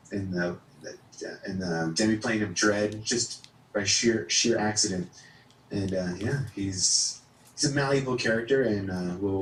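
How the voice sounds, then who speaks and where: A laid-back man introduces himself and his character to the group. His voice is on the low side. He sits well back from the mic in an echoey room, with faint ambience behind him. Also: slight background noise. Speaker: player. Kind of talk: casual self-introduction. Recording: roomy, distant mic.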